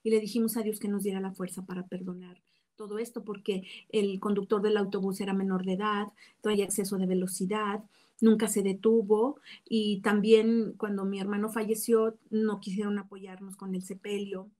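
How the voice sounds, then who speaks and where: A woman's voice: medium pitch, level tone, moderate pace, mellow. A woman from Mexico gives an earnest, reflective personal religious testimony, with small restarts. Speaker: testimony speaker.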